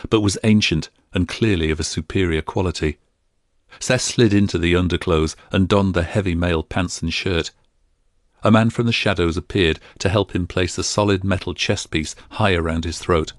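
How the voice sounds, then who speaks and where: A man narrating a fantasy audiobook in a steady, even storytelling manner. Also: deep voice, no room sound, studio quality. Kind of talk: scripted narration.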